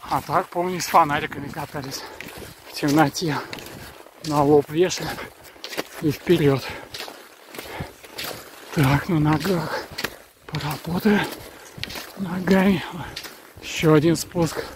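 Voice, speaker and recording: A man chatting casually to his camera as he skis a forest trail, rambling and pausing for breath. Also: a little high, fairly even intonation. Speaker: skier filming his training. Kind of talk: casual spoken commentary while skiing. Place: outdoors on a snowy forest ski trail. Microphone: action camera worn while skiing. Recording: wind noise on the mic. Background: wind rushing past the mic.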